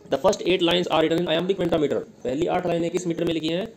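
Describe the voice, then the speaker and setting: A man with an Indian accent giving an exam-prep lesson, asking questions and answering them himself, reading English lines slowly. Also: fairly high pitch, steady tone, a little hiss or hum, rough recording. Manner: explains in Hindi, reads English lines slowly. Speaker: teacher.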